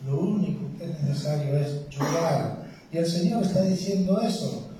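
A man with a Spain Spanish accent preaching an earnest sermon, slightly high-pitched with a warm, mellow tone. His emphatic delivery swings from loud to hushed. He is heard from a distance in a very echoey church with faint ambient noise. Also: moderate pace. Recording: very roomy church hall from a distance.

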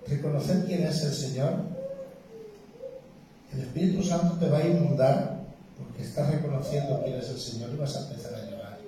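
A man preaching a sermon with a Spain Spanish accent, earnest and emphatic, swinging between loud declarations and hushed words. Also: medium pitch, steady tone, normal speed, long pauses, slight background noise. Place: church. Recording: very roomy church hall from a distance.

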